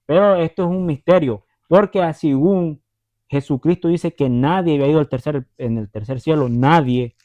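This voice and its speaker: Heard through a tinny, phone-like recording, a preacher with a fairly high, mellow voice speaks at a moderate pace. His Bible teaching is conversational: he retells stories with acted-out voices and frequently checks in with tag questions.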